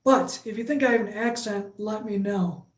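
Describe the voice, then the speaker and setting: A woman with a Michigan accent and a medium-pitched voice hosts a live stream, chatting casually and reading viewer comments. She is relaxed and halting, with frequent fillers and restarts, and the room sounds echoey.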